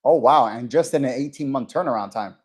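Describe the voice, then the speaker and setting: Male podcast host, casual and encouraging, mid-pitched. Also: fairly quick, slightly rough. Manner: enthusiastic, encouraging. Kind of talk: casual conversation.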